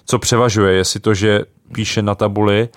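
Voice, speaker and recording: A man's voice: lowish voice, fairly even intonation, dry recording, clean studio sound. A young man co-hosting a casual book chat, thinking aloud with small hesitations. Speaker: podcast co-host.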